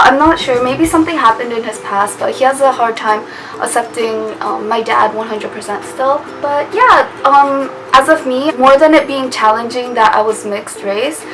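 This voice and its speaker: A young American woman vlogs casually to camera in a voice on the high side, laughing often and trailing off with little "I guess" asides. Music plays in the background, and the recording is rough.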